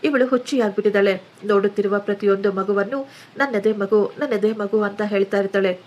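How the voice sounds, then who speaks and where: Female narrator doing a scheming older mother-in-law in a narrated story: loud, hurried, brushing everyone off. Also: mid-range voice, lightly acted. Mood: loud, dismissive. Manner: loud, hurried, talking over a crowd.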